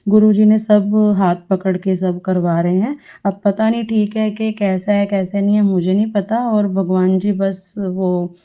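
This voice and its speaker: A woman's voice: medium pitch, flat delivery, a little slow, few pauses. A middle-aged woman sharing a personal devotional experience in an earnest, rambling, reverent way. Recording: dull lo-fi audio.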